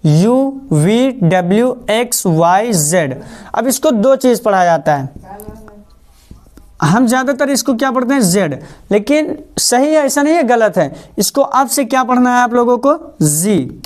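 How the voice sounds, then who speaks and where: A woman's voice: on the high side, a little mellow. A woman teaching a basic lesson, asking questions and answering them herself, repeating each point. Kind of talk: classroom-style lesson.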